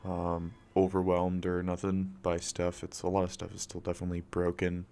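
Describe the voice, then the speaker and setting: This young streamer's voice is low-pitched and warm but completely flat, at a normal speed and raspy since he just woke up. He rambles through casual live-stream chat on a close desk mic at home, talking quietly with family asleep, swearing frequently and full of fillers and coughs.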